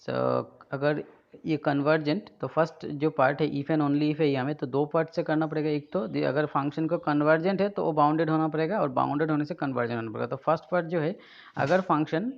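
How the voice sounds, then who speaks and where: A man's voice: a little high, steady tone, brisk, vocal fry. A man teaching math, explaining step by step and checking in with "okay?" as he goes. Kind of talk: lecture mixing Hindi and English. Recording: dull lo-fi recording.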